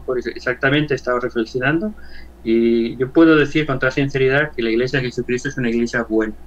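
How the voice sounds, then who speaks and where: A man in his sixties from Valencia with a Spanish accent from Spain, giving an earnest personal testimony as an interview guest, often halting and repeating words. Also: medium pitch, a bit bright, lo-fi sound. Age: 60s. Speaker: interview guest, church member.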